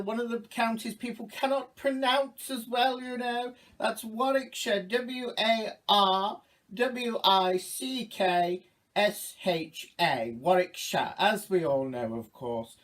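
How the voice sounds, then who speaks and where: A man's voice: high-pitched, fairly bright tone. Man performing campy drag queen, boozy grand dame, theatrical, arch innuendo, comic monologue, slightly distant mic. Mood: grand, bawdy.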